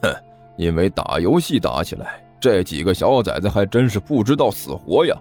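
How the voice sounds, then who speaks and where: Man playing a gruff robber boss, low voiced, sneering, scornful, snappish, storybook villain. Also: sing-song, normal speed, a little mellow, soft background music.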